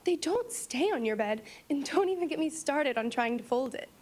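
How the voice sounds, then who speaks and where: A young woman delivering a rehearsed, confident startup pitch as a founder, presenting in a meeting room. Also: animated, moderate pace, darkish tone. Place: meeting room, standing before seated judges.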